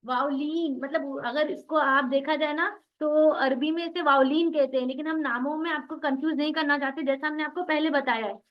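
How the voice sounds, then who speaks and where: A woman teaching an online Quran recitation class, asking questions and answering them herself, drilling syllables slowly one by one. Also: high-pitched, steady tone, lo-fi sound.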